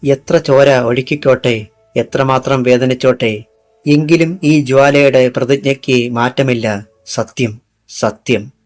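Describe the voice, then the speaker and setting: A fierce young policewoman, intense and resolute, in a storybook reading, as a male narrator puts her on. Her lines come in an even, level tone with little rise and fall, over faint background music. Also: medium pitch, a little slow, natural voice. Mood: vengeful. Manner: intense vowing speech.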